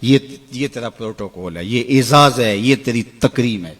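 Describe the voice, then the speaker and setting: A middle-aged male preacher giving an emotional sermon. His voice swings from soaring cries to hushed lows, and he chants verses slowly.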